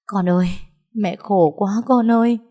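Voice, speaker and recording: A woman voicing a distraught, hot-tempered middle-aged mother who wails and shouts back, in a storybook reading. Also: fairly low pitch, expressive, moderate pace. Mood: wailing. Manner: wailing and defiant.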